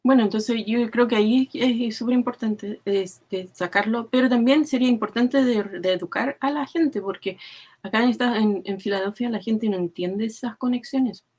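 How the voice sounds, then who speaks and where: A woman from Chile with a Chilean accent, giving earnest, thoughtful answers as an interview guest and often pausing to search for words. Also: on the high side, a little mellow, breathy edge. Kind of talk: explanatory interview talk.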